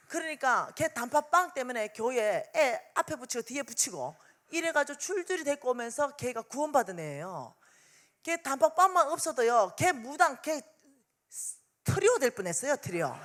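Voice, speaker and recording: A woman with a Gyeongsang Korean accent, telling a story in a revival sermon and acting out the dialogue. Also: high-pitched. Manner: animated, acts out dialogue in story. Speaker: revival meeting speaker.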